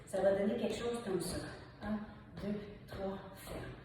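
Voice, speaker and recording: A woman's voice: mid-range voice, measured pace. A woman with a Québécois French accent leading an aerobics class, cheerfully counting beats and encouraging while she exercises, a bit out of breath. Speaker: aerobics instructor. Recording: echoey hall, distant mic, background noise.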